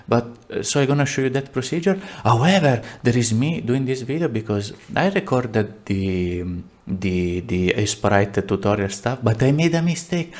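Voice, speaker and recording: A man with an Italian accent giving a casual software tutorial, rambling and blunt, with many fillers and self-mocking asides. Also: medium pitch. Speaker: tutorial maker. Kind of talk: casual screen-recorded tutorial.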